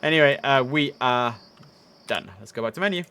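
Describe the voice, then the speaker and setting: Brisk and forceful, his bright medium-pitched voice carries over a faint hiss or hum. It's casual live commentary from a man streaming an air traffic control sim, talking through his thoughts as he goes.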